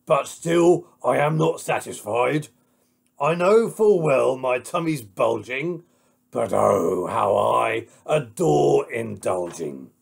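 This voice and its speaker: A storyteller voicing a greedy, boastful big bad wolf in a loud, blustering, drawn-out way for a children's tale. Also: medium pitch, animated, creaky, husky, full character voice. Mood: gloating.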